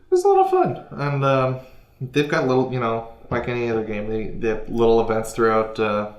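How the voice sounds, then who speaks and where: Young male podcast host, mid pitch, meandering and halting delivery, recorded in a roomy, echoey space. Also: sing-song. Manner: rambling, hesitant, many fillers and restarts. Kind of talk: casual chat. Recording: echoey room.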